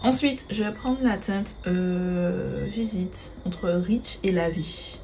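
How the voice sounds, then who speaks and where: A woman's voice: lowish voice, slow, loud music behind the voice. A woman, chatting casually through a makeup tutorial, hesitant with many fillers and the odd swear word. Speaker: beauty vlogger.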